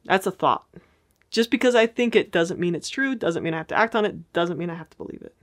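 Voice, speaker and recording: A woman's voice: lowish voice, expressive, quick pace. A woman therapist teaching casually, explaining ideas in a friendly way and checking in with her listeners.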